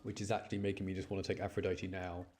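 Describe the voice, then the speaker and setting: This man streams a game and talks to his chat very fast, his low voice flat in delivery and a little mellow. His commentary is casual and chatty as he thinks out loud, apologetically explaining the choices he makes.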